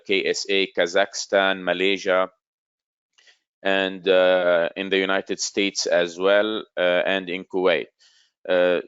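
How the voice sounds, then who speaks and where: Deep-voiced man presenting a webinar. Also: fairly bright tone, smooth, no echo, muffled recording.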